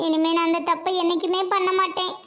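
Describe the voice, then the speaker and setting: Woman with Tirunelveli Tamil accent, very high voice, scripted school drama, plays several schoolgirls. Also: level tone, fast talker. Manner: voices several schoolgirls, pleading and sharp by turns.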